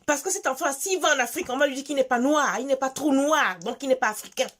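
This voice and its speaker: High-voiced scolding Gabonese woman. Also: fast, fairly bright tone. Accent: Gabonese French. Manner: emphatic, scolding, repeats phrases for force. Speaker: vlogger. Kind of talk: impassioned monologue addressed to viewers.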